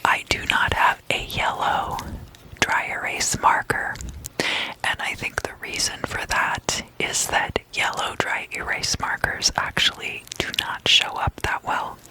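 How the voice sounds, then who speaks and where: In this low-quality recording, an ASMR host guides a meditation lesson in an unhurried, breathy, unvoiced whisper, frequently repeating words in a soft murmur.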